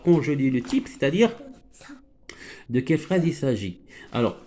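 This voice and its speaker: Moroccan male teacher, higher voice with an animated lilt, patient "alors"-filled grammar lesson for kids. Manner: switches between French and Moroccan Arabic, explains patiently with many "alors". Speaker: primary school French teacher.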